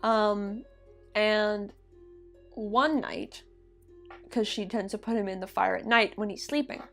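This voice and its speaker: A woman's voice: medium pitch, fairly even intonation, takes it slowly, a bit bright, faint music behind. A young woman casually retelling a myth to a friend, chatty and laughing, with many fillers. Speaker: podcast co-host retelling a myth. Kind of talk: casual storytelling chat.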